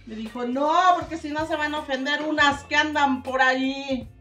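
A woman's voice: sits high, fairly even intonation, moderate pace, pushed and bright, soft background music. A middle-aged woman, chatting casually and emotionally as she unboxes gifts in her vlog. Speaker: vlogger.

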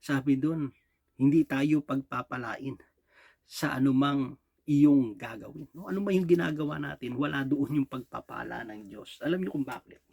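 Preaching in a mix of languages, a man from the Philippines keeps asking the congregation "di ba?" and "no?" and laughs softly between points. His voice is mid-range, gravelly and darkish with a breathy edge, moderately paced, and recorded with no echo.

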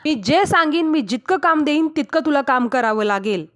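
A woman's voice: sits high, animated, moderate pace, pitched above the performer's own voice. A woman reading the lines of a stern, angry father laying down the law. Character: stern angry family patriarch.

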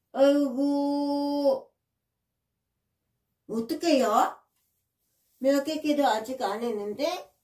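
A woman talking to her pet, scolding it and repeating short, simple commands. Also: high-pitched. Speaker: pet owner vlogger. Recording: roomy, from a distance.

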